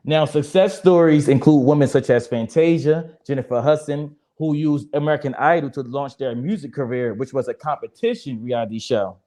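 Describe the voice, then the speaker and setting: A man's voice: mid-range voice, normal speed, hardly any pauses, mellow. A young man moderating a casual panel chat in a joking, blunt and profane way. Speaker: moderator of a discussion show.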